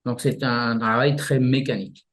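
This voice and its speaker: Male martial arts teacher, halting, vivid examples, guest interview. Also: mid-range voice, fairly even intonation. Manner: halting, many restarts, explains with images. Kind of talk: casual explanatory interview.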